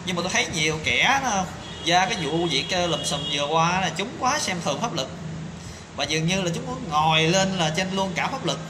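This thirty-something commentator speaks with indignation straight to a phone camera, full of fillers and rhetorical questions. The small tiled room is echoey with background noise. His voice sits high, his intonation is lively, and he talks a little fast.

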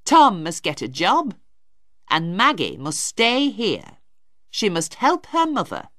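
A woman's voice: medium pitch, huge pitch swings, slow, fairly bright tone, no echo, clean studio sound, voice pushed up, heavily acted. A woman reading a stern practical aunt. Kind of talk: storybook reading.

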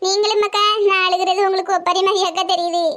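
A woman voicing a melodramatic middle-aged village housewife in a cartoon comedy, theatrical and sharp-tongued. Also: little pitch movement, fast talker. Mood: complaining. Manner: shrill, theatrical wailing and complaining.

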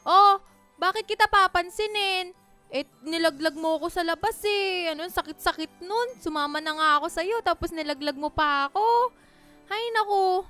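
A woman's voice: very high voice, normal speed, bright, forceful tone, soft background music. A Filipina woman with a Filipino accent, chatting playfully and teasing while roleplaying in a game, laughing often. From Philippines. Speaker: Roblox roleplay creator.

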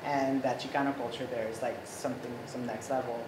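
A man in his thirties, born in Ecuador, explaining a recipe as a chef in a relaxed, explanatory way with many fillers, recorded by a far camera in a home kitchen. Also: medium pitch, brisk. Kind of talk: cooking demonstration chat. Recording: echoey kitchen with background noise.

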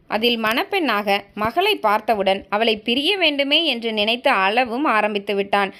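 Woman telling a story, slightly high voice. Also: a bit bright. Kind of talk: storybook narration.

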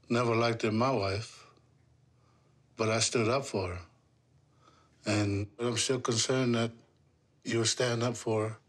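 A middle-aged man from the Pacific islands, speaking seriously and haltingly in an unscripted conversation, with measured pauses. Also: mid-range voice. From Pacific islands, Samoa. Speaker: father-in-law, reality show participant. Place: small indoor room in a house.

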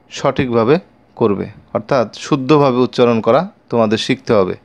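Bengali-accented male math teacher, patient times-table recitation for young kids, each line said twice. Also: mid-range voice. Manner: slow, repeats each multiplication line twice; addresses pupils directly with questions.

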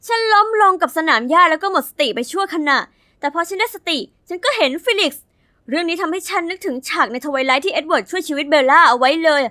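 A young woman narrating her own animated story as its heroine, chatty, dramatic and confiding. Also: extremely high pitch, quick pace, no room sound, clean studio sound, heavily acted.

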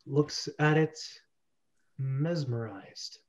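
A young adult man, mid-range in pitch, draws out his words in a slightly mellow voice while hosting a script reading club. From his bedroom on a video call, he reads stage directions and chats casually, and the webcam audio is dull and lo-fi.

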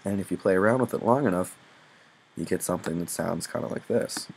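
Speaking fairly quickly in a low voice with vocal fry, a young man runs an unscripted music production tutorial against heavy background noise. He's casual and profane and often jokes at his own expense.

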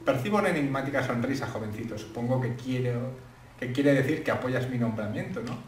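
A man's voice: mid-range voice, a little fast, far from the mic, a little hiss or hum, natural voice. A bearded villager bent on becoming mayor, pleading his own case, as a man with a Spain Spanish accent reads him aloud. The voice sits in a mid register and comes from a little away from the mic in an echoey room.

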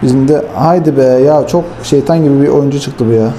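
A man giving casual, excitable commentary over a football video game, talking straight to his viewers and swinging from hype to frustrated grumbling. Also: medium pitch, a little fast, slight background noise. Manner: talks straight to viewers as friends. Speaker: gaming YouTuber.

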